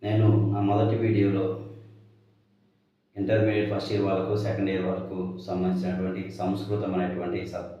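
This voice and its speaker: A man teaching Sanskrit letters in a slow spoken lesson, sounding out each letter deliberately. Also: low-pitched, little pitch movement, mellow. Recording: echoey room, voice a bit far from mic.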